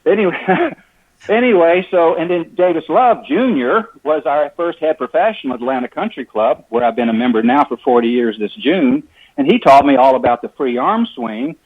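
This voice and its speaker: A man in his sixties, a golf instructor calling in to a chat show, heard over a clipped phone line and talking in an excitable way with frequent chuckles. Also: fairly high pitch, moderate pace, husky. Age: 60s. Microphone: telephone.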